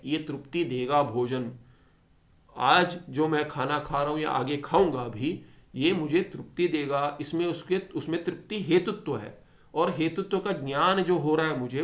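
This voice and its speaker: Male scripture teacher, slightly high voice, animated class lecture with lots of rhetorical questions. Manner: chants Sanskrit lines slowly. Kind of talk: explaining a Sanskrit philosophy text.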